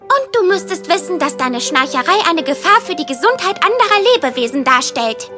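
A woman voicing a gentle but firm young pony with an earnest, cute manner in a children's cartoon audio play. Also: extremely high pitch, big pitch swings, brisk. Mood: apologetic, firm. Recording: music underneath.

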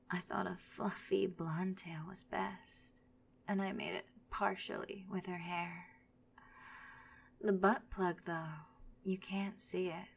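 A woman's voice: mid-range voice, vocal fry, husky, exaggerated voice. A woman voicing a vindictive jilted ex-girlfriend in an audio roleplay, often whispering as she gloats.

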